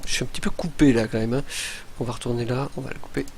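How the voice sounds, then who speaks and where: Brief: man streamer, casual rambling chat, mid pitch. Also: fairly even intonation, rapid-fire, a little mellow, slight background noise. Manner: rambling, hesitant, chatty.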